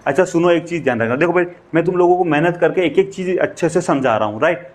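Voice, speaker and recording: Higher-voiced male biology teacher, repetitive. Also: a little mellow. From India. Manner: explains in Hindi mixed with English terms, repeats phrases; rhetorical questions, frequent "है ना" check-ins. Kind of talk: classroom lecture to camera.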